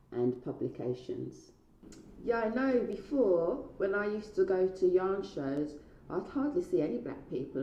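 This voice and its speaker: Low, very mellow British woman in echoey space. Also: slight background noise. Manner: conversational, playfully questioning herself. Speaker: knitter and textile researcher giving a talk. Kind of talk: self-filmed talk staged as a conversation with herself. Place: indoor staircase at home. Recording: dull, echoey stairwell sound.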